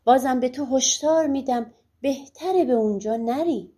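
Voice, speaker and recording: A woman's voice: high-pitched, warm tone. A woman voicing a fretful old fortune teller. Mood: regretful. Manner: hesitant, warning.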